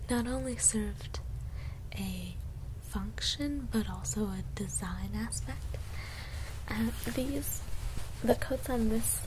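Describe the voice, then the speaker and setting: A woman doing an ASMR role-play as a personal shopper, gently presenting clothes to a client in a soft, breathy voice. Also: fairly high pitch, noisy background. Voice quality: soft, breathy, often soft-spoken.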